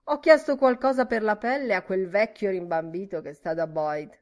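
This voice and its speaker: A woman's voice: medium pitch, normal speed, darkish tone, lightly acted. A woman reading an audiobook voices a young barmaid, vain and mocking, with teasing gossipy exclamations.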